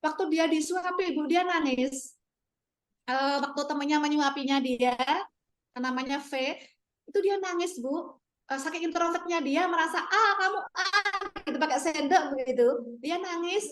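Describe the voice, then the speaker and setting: High-voiced apologetic woman teacher. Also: normal speed. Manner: apologetic, often begging pardon and addressing listeners as ma'am; storytelling, acts out her students' voices. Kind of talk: casual webinar sharing of classroom experience.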